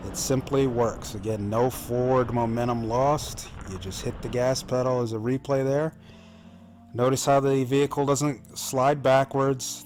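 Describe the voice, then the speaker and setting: An American man, host of an off-road channel, giving casual, enthusiastic and self-mocking commentary over trail footage. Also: mid-range voice. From United States.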